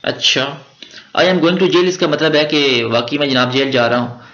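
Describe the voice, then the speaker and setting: A man's voice: a little high, moderate pace, a bit bright. A man with a Pakistani Urdu accent touched with Punjabi, giving a chatty step-by-step exam-prep grammar lecture with joking asides. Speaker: teacher. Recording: roomy, dull lo-fi recording.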